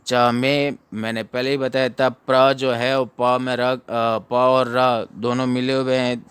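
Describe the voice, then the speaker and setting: Male recitation teacher, unhurried, splits words into syllables and repeats them. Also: mid-range voice, smooth, dry recording. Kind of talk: slow syllable-by-syllable chanting lesson.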